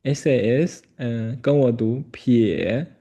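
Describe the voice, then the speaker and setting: Slow, gravelly-voiced male Chinese tutor. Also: mid-range voice, muffled recording. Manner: slow, repeats phrases, gentle corrections. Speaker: Chinese teacher. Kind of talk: patient one-on-one language lesson.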